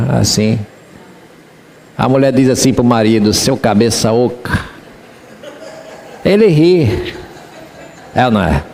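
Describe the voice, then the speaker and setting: A man's voice: fairly high pitch, a little mellow, in a large hall. A man pastor with a Rio de Janeiro accent, preaching a sermon in church and asking the congregation rhetorical questions. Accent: Rio de Janeiro Portuguese.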